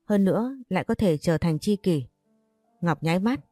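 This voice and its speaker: A woman narrating an audio story in a steady storytelling voice. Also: fairly low pitch, normal speed, no room sound, faint music behind.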